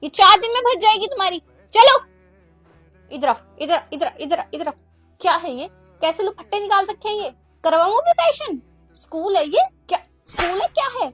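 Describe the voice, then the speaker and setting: A sharp-tongued, strict schoolteacher, played by a woman, fires off scolding questions and threats at her class. The voice sits very high, and the delivery is bossy and relentless, as in a comedy skit. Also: sing-song, moderate pace, dry recording, soft background music, full character voice. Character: harsh strict female schoolteacher scolding pupils.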